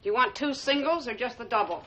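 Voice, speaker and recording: A woman's voice: fairly high pitch, expressive, fast, sharp tone, a little hiss or hum. An actress playing a curt, suspicious, thrifty boarding-house landlady in a film drama, with an American accent and brusque manner. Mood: wary, matter-of-fact.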